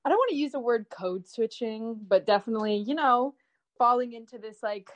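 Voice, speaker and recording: A young woman, a guest who calls herself an online comedian, chatting casually in an interview, animated and full of fillers and self-repeats. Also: on the high side, brisk, dull audio.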